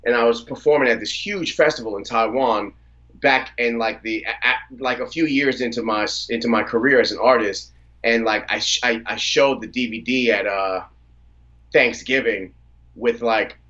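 Chatting as a guest rapper on a casual video-call interview, a man in his thirties from the Washington DC area, United States, tells his stories in a relaxed way and laughs easily. His voice is mid-range at a moderate pace, and the phone or laptop audio sounds a bit dull and lo-fi.

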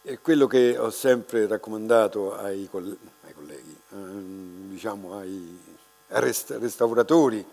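An older man lectures from a lectern in a large dark hall, speaking very slowly and pausing often to restart his words. His voice sits at an ordinary pitch, and the hall gives it a long reverb with mains hum underneath. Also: creaky. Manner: unhurried and reflective, with many pauses and restarts. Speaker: art restorer giving a lecture. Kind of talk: slow, unscripted lecture to an audience. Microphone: lectern microphone.

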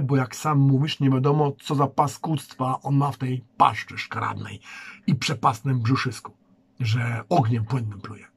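Commanding elder prince, brisk and shrewd, rough husky voice, read by a man. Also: medium pitch, heavily acted.

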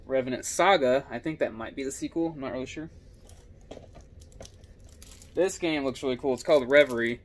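A man's voice: mid-range voice, a little hiss or hum. Casual young man chatting through games. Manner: chatty, offhand quick comments on each game. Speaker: gaming YouTuber. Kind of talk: casual collection walkthrough.

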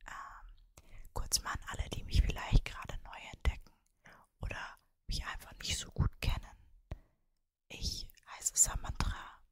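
A woman's voice: measured pace, pauses often. Girl early 20s whispering asmr style super close to the mic, mannheim german accent, just chatting. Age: early twenties, 23. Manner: soft whisper close to the microphone. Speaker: ASMR creator and streamer. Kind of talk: whispered ASMR, casual personal chat. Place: cosy bedroom, indoors. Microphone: desktop microphone, very close.

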